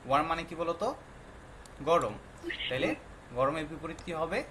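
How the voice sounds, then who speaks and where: A man's voice: a little high, lively intonation, moderate pace, fairly bright tone, a little hiss or hum. A male teacher patiently explaining a lesson to young children, quizzing them often and mixing English words into his explanations. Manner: patient, quizzing with frequent questions.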